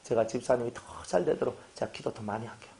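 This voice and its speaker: A man's voice: medium pitch, quick pace, gravelly, mellow. A middle-aged male pastor preaching a humorous sermon, joking and acting out little dialogues with his congregation.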